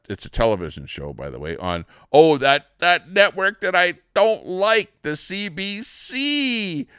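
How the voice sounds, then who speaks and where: A man's voice: fairly low pitch, a bit bright, smooth, no echo, studio quality. A middle-aged man hosting a livestream, ranting in a rambling, indignant way with lots of fillers and restarts. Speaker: livestream host. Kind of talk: casual ranting commentary.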